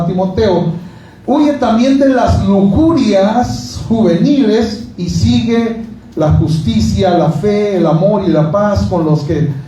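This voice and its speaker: Heard from a distance in an echoey church hall, over slight background noise, a man with a high, mellow voice gives a conversational sermon. The pastor jokes with the congregation and asks them questions as he preaches.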